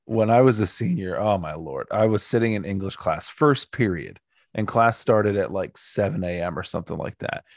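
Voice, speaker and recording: A man co-hosts a casual podcast, telling animated, jokey stories. His voice sits low and has a gravelly fry to it. The sound is close and dry. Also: normal speed, no echo. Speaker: podcast co-host. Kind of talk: casual chat.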